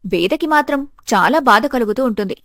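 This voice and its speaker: A woman's voice: fairly high pitch, animated, a little fast, fairly bright tone, no echo, studio quality. Woman narrating a family story.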